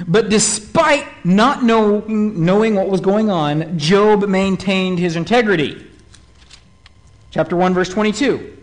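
A man preaching a sermon, animated and fond of asking his listeners rhetorical questions. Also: high-pitched, a little slow.

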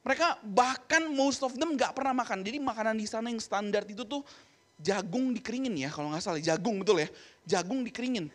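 A man's voice: sits high, a little fast, fairly bright tone. A man preaching a casual youth sermon, chatty and keeps addressing his listeners directly, slipping into English now and then.

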